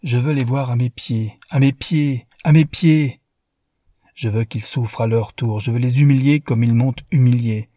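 A man voicing a wealthy man filled with bitterness and fury, rising to passionate outbursts, with a husky, dark, dry sound. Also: medium pitch, fairly even intonation, moderate pace, few pauses, no echo, voice pushed up, close to an everyday voice. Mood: furious. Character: wealthy man, bitter and furious after betrayal.

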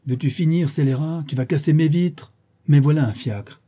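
A man's voice: on the high side, normal speed, warm tone, slightly rough, pitched above the performer's own voice. A man voicing a gossipy, scheming old female concierge in a raised, chattering voice. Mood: scolding.

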